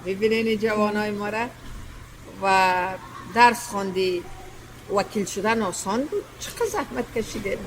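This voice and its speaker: A woman from Afghanistan hosting an interview, effusive and flattering, mixing chat with recited poetry. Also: medium pitch, a little hiss or hum, poor audio. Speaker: interview host. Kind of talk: casual interview.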